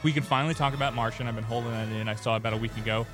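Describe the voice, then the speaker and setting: A man's voice: medium pitch, fairly even intonation, very fast, music in the background. A man hosting a podcast, telling rambling, joking stories in a casual chat. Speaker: podcast host.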